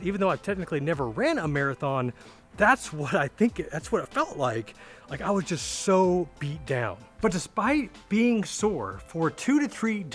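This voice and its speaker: An American man telling a personal story in a casual, conversational vlog style, leaning on words and repeating them for emphasis. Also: a little high. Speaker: vlogger.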